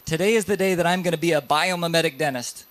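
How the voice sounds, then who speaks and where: A man's voice: a little high, fast. A man in his thirties, a dentist giving a live lecture to other dentists in a hall, telling stories and asking the audience questions. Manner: lively storytelling, addresses audience directly.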